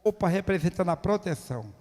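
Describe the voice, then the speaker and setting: A man's voice: high-pitched, lively intonation, fast talker. A man preaching a sermon, emphatic and full of rhetorical questions. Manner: emphatic, rising to near-shouting at climaxes, rhetorical questions. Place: church hall. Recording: long reverb of a church hall.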